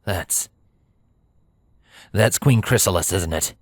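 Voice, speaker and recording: A man's voice: low voice, slow, no room sound. A man reading a storybook, voicing a protective young stallion who talks in a growling, defiant way. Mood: angry.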